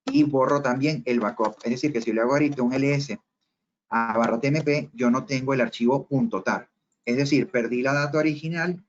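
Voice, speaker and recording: A man teaching a screencast tutorial, explaining each step and speaking straight to the viewers. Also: medium pitch. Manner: explains step by step, often addressing viewers directly. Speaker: instructor. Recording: dull lo-fi recording.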